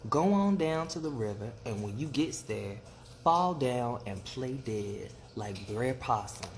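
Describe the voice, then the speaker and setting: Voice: mid-range voice, lively intonation, measured pace. A storyteller voicing a boastful trickster rabbit, folksy and scheming. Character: sly, boastful trickster rabbit in a Southern folktale.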